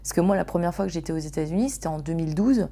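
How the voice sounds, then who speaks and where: A woman hosting a casual storytelling podcast, slangy, swearing and animated as she talks to her listeners. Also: lowish voice, rapid-fire. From France. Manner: slangy and swearing, addresses listeners as "les gars". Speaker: podcast host.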